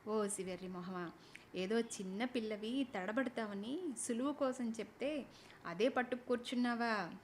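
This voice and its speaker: A woman doing a brisk, sensible mother. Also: on the high side, slight background noise, close to an everyday voice. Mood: scolding. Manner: scolding, matter-of-fact.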